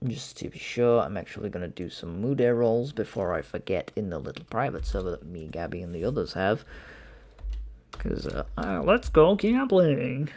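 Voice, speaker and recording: With a deep, darkish voice at a moderate pace, this young man gives casual live commentary while hosting a stream from home. He reacts in a relaxed, chatty way, cursing and laughing readily.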